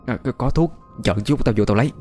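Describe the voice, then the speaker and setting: A man voicing a scolding older countrywoman who runs a shop, talking rapidly and exclaiming. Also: medium pitch, a little mellow, faint music behind, pitched above the performer's own voice, close to an everyday voice.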